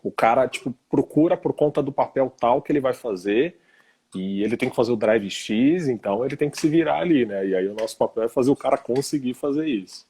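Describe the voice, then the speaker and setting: A man's voice: mid-range voice, expressive, brisk, warm tone, slightly rough. A man who teaches singing, hosting a live stream and chatting informally with lots of slang fillers over a video call. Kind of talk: casual chat.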